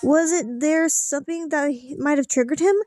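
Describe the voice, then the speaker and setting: A woman's voice: sits high, normal speed, a little mellow, dry recording. A woman playing through a story game, reading the dialogue aloud theatrically with casual asides. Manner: theatrical, acting out character lines. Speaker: let's play streamer.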